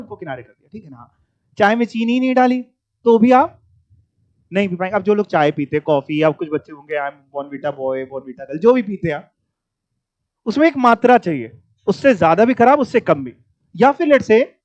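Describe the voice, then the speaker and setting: A male teacher giving a classroom lecture, explaining terms and quizzing his students with questions. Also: sits high. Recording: dull lo-fi lecture recording.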